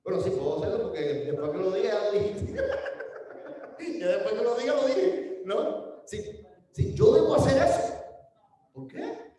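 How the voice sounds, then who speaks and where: A man's voice: sits high, lively intonation, normal speed, pauses often, mellow. A man with a Mexican accent preaching a sermon as pastor, chatty and often asking the congregation questions. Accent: Mexican Spanish. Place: church sanctuary. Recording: very echoey hall from far off.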